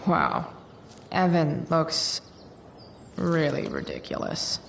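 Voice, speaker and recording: A woman's voice: deep voice, huge pitch swings, slow, gravelly, a little hiss or hum, full character voice. An actress playing a sardonic teenage girl in a video game, giving dry muttered asides to herself. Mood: dry, mocking.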